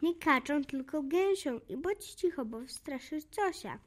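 A woman reads out a small girl detective in a children's storybook. She is high and loud with excitement, bossy and sure of herself. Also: a little slow. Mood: firm. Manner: eager, bright and bossy. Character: brave curious little girl detective.

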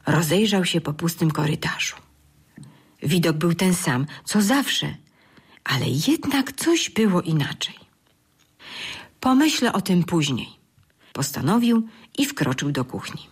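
A woman reading a children's story aloud in a calm, measured way. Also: lowish voice, slightly rough. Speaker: narrator. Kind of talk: scripted storybook narration.

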